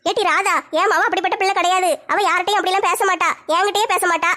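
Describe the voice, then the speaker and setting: Rapid-fire, shrill, bright auntie, bossy and scolding, in a comedy skit. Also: female voice, steady tone. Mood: defensive. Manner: brisk, scolding. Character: scolding village neighbour woman, defensive and bossy.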